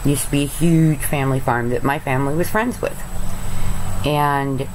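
A woman's voice: very deep voice, darkish tone. Chatty middle-aged woman on a noisy webcam. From Arizona. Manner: rambling, chatty, addresses viewers as guys. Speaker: vlogger. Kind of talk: casual vlog monologue. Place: bedroom, lying in bed. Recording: noisy home webcam recording.

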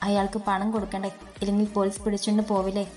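A woman's voice: medium pitch, monotone, racing, warm tone, faint music behind, close to an everyday voice. A woman voicing a worried young wife who speaks in a pleading, tearful way. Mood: anxious.

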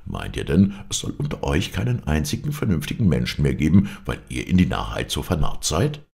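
A man's voice: a bass voice, very animated, normal speed, vocal fry, full character voice. A man voicing a sly, cranky philosopher who scolds the foolish townsfolk. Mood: scornful. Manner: scornful, sharp-tongued.

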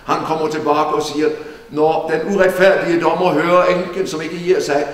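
A man's voice: on the high side, steady tone. Earnest male preacher in an echoey church. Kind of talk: sermon Bible teaching. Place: church hall. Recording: echoey church hall from far off.

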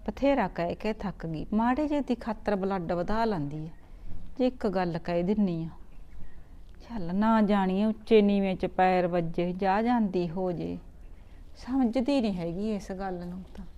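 A woman's voice: mid-range voice, a little slow, mellow, lo-fi sound, lightly acted. An actress playing an older mother-in-law who is feverish and mutters weary complaints about her daughter-in-law. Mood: grumbling.

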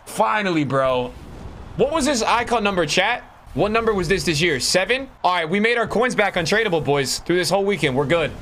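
A young man with a fairly high-pitched voice talks to his livestream chat. He sounds like a frat bro, casual and slangy, addressing everyone as bro, dude or man while he plays. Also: animated, brisk, fairly bright tone, a little hiss or hum. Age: young adult. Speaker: game streamer. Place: small room indoors.

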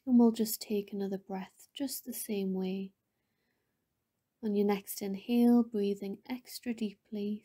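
A woman guides a meditation in a mid-range voice that is soft, breathy, and often close to a whisper. She sounds soothing and gentle, letting long pauses linger between phrases.

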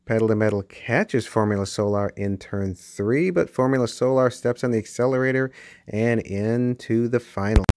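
A man giving play-by-play commentary on toy car races as the channel host, with bursts of excitement at close finishes. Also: mid-range voice, moderate pace. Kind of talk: race commentary. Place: basement with toy race track.

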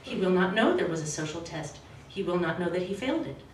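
A novelist with a lowish voice, who grew up in Australia, Canada and the States, reads aloud in measured, expressive tones, then answers questions casually but haltingly, correcting herself. The small indoor event room with a red curtain is echoey, and the podium mic, recorded from a far camera, leaves her distant with faint hiss.

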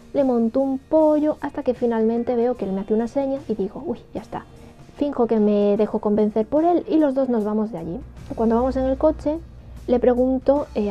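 Woman with a Spain Spanish accent, casual game narration with sarcastic asides, dark and mellow tone, slightly muffled audio with faint music behind. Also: a little high. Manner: chatty, sarcastic asides and quoted voices. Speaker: gameplay narrator. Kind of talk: casual gameplay retelling.

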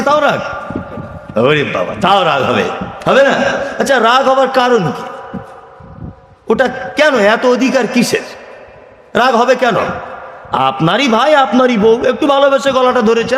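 High-voiced man preaching in echoey hall. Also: a bit bright, slight background noise. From India. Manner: rhetorical questions to the crowd; calls for crowd answers. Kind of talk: sermon. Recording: echoey hall with long reverb.

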